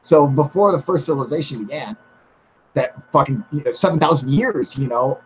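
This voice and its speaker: Profane, excitable man hosting a stream. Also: a little high, fairly quick. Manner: profane, excitable, laughs often. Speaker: host of a live UFO stream. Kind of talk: casual live-stream chat. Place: outdoors in humid air. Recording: slightly dull with faint hiss.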